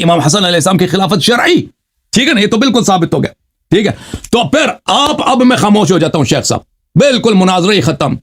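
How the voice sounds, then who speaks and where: A man hosting a heated live religious debate, insistent and combative, who keeps pressing his opponent for answers and recites scripture slowly between quicker arguments. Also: high-pitched. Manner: cites scripture slowly, then speeds up to argue. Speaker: debater and channel host.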